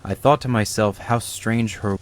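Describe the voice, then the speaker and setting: A man narrating a horror game as a grim villager, speaking in a measured, solemn way. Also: fairly low pitch, fairly even intonation, background noise, lightly acted. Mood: grave.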